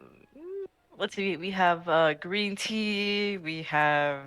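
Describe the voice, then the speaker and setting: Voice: medium pitch, animated, extremely slow, fairly bright tone, clear, resonant tone, dry recording. A game master narrating a tabletop game in a rambling way with many restarts. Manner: rambling, lots of fillers and restarts.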